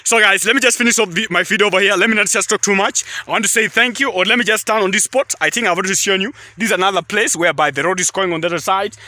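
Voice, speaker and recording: Holding his phone at arm's length in a tea field, a young Kenyan man records a casual selfie vlog, talking rapid-fire with few pauses in a high, sharp voice. A Kalenjin speaker with a Kenyan accent, he rambles, repeats himself and says "guys" constantly. There's no echo on the audio.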